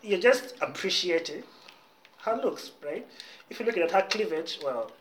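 High-voiced man laughing through chat. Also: expressive, normal speed, fairly bright tone, slight background noise. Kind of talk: casual group chat. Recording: roomy with people around.

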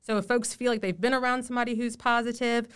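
A woman speaking through a face mask as a health official in an interview, explaining in a measured way and stressing key points. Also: a little high, steady tone, a bit bright, smooth. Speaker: public health official, podcast guest. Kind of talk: informative podcast interview.

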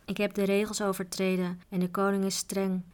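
A woman voicing an earnest, modest teenage boy squire, speaking quietly in a storybook reading. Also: mid-range voice, flat delivery, brisk, smooth, close to an everyday voice.

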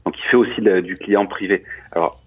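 A man, a coach and former pilot, explaining his training in a relaxed, casual interview with many restarts. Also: deep voice, a little fast. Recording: husky voice over a narrow phone-like line.

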